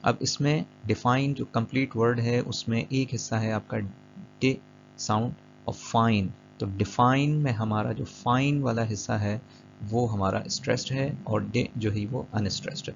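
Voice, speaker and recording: Gravelly-voiced man teaching poetry terms. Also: medium pitch. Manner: patient, repeats and checks understanding; mixes English terms into Urdu-flavoured Hindi. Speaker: English teacher. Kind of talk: explaining a lesson over slides. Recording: dull lo-fi voice-over with soft music.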